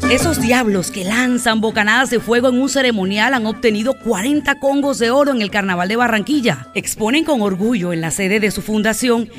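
A woman's voice: fairly high pitch, brisk, few pauses, faint music behind. Woman narrating a news feature. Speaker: reporter narrator.

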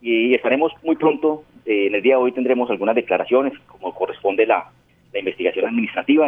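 Man, port captain, phone interview, formal hesitant official talk, rapid, thin phone sound. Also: fairly low pitch, husky. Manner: formal, measured official speech with frequent hesitations. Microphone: telephone. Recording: tinny phone line.

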